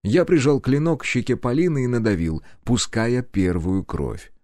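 A man narrating a first-person audiobook in a grim, deliberate, menacing way. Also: mid-range voice, warm tone, no room sound, clean studio sound.

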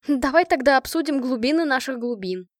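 A woman's voice: high voice, animated, brisk, no echo, studio quality. A woman voicing a hot-tempered, blunt young female commander. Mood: heated.

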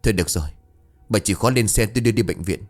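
Man playing loud defensive middle-aged man, hot-tempered, yells and wails, for a storytelling piece. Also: fairly low pitch, racing, faint music behind, lightly acted. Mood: alarmed. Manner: shouting, wailing complaints.

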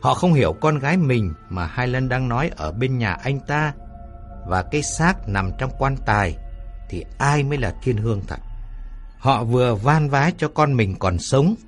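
Expressive storyteller man. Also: medium pitch. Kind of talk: audio story narration.

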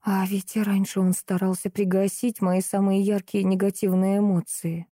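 A woman narrating a first-person audiobook in an expressive, storytelling way. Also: mid-range voice, normal speed, dry recording, clean studio sound.

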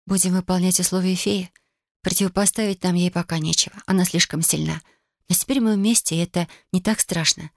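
A woman's voice: steady tone, a little fast, vocal fry, dry recording, studio quality. A woman voicing a nervous, giggly young female elf in an audiobook. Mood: calm. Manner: bursts into shrill laughter.

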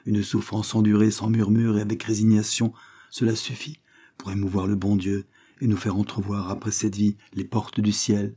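A man reading aloud and voicing a kindly, pious older lady with a soft, consoling manner. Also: lowish voice, normal speed, breathy edge.

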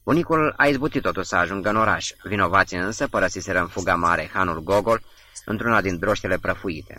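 A man narrating a novel as an audiobook, reading in a measured, literary manner. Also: sits low, bright, forceful tone. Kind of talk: scripted narration.

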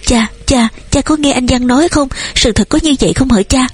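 A woman voicing a headstrong young daughter who shouts back, shrill and tearful, with a husky voice. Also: expressive, fast, soft background music. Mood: sobbing.

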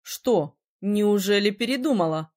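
A woman voicing a brooding, sharp-tongued young male mage in an audiobook, teasing and gruff by turns. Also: medium pitch, expressive, unhurried, natural voice. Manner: teasing, then gruff and commanding. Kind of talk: audiobook character reading.

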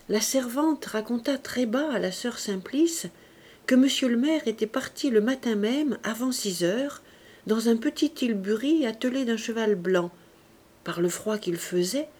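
A woman narrating a classic novel as an audiobook, measured and expressive. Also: mid-range voice. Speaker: audiobook reader.

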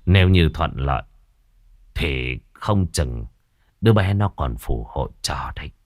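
A man voicing an old village sorcerer in an audiobook, with a husky voice and slow, solemn advice. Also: extremely low pitch, expressive, no echo, clean studio sound, heavily acted. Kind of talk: audiobook character voice.

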